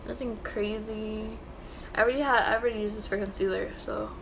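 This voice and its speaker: A woman's voice: medium pitch, fairly even intonation, a little fast. A young woman with a slight lisp from a new tongue piercing, chatting casually through a makeup tutorial at home. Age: young adult. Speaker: makeup vlogger. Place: small bedroom at home, indoors. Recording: clearly noisy home room recording.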